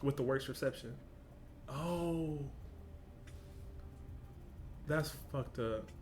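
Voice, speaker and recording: A man with a medium-pitched, somewhat dark voice draws out his words as a reaction host reading a story aloud. He comments casually in an informal, slangy way, swearing and throwing in exclamatory asides, over clear background noise.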